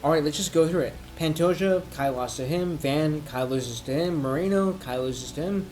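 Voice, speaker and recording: A man giving a casual, off-the-cuff sports rant, rambling and thinking aloud in halting bursts as if he has had a few drinks. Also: fairly high pitch, a little mellow, soft background music. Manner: drinking while ranting, tipsy rambling. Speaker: MMA commentator giving opinions.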